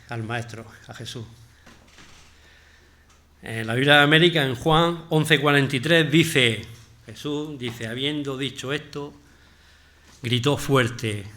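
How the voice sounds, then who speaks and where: A man preaching a sermon as pastor, chatty and animated, jumping between loud emphasis and quiet asides. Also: medium pitch.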